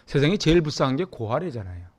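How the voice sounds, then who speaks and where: A middle-aged Korean man from Seoul preaching a Sunday sermon as pastor, talking with the congregation and swinging between loud emphatic peaks and hushed, near-whispered asides. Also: mid-range voice, very animated, fast talker. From Seoul, South Korea. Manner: conversational, asks the congregation questions.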